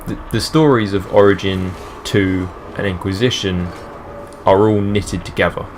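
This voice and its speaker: A man's voice: low voice, fairly even intonation, normal speed, background noise. A man hosting a let's play, rambling through enthusiastic fan commentary. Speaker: gaming channel host.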